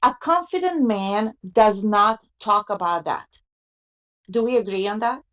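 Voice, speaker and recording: This woman co-hosts a podcast, reasoning through her opinions and asking the others to agree, and sometimes reads a passage from a book aloud. Her medium-pitched voice is expressive and a bit bright, and she speaks a little slowly. The talk is a casual discussion mixed with reading.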